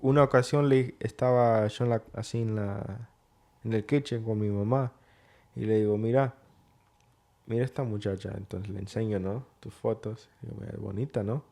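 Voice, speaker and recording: A man co-hosting a casual chat, telling his side of a story in a relaxed way and slipping English phrases into his speech. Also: lowish voice, normal speed. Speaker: co-host.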